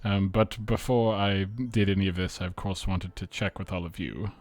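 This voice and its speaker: Polite, hesitant young woman party leader, voiced by a man in his own low voice, for a tabletop game. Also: steady tone, moderate pace, lightly acted. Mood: earnest. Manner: hesitant, filler-laden.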